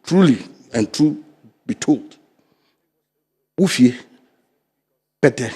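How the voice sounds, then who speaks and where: A fisheries sector guest in a studio interview, this older Ghanaian man speaks very slowly in a husky, animated voice with a Ghanaian English accent. He's emphatic and argumentative, punctuating loud stresses with low asides.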